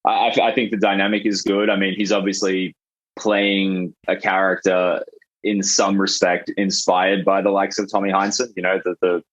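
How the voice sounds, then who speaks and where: A man's voice: low voice, level tone, normal speed, a bit bright, no echo, poor audio. A man on a casual sports podcast panel, talking hesitantly and restarting his sentences.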